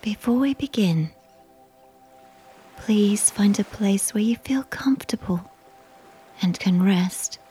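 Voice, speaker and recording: A woman whispering a slow, soothing guided sleep meditation. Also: mid-range voice, slightly rough. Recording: soft music behind.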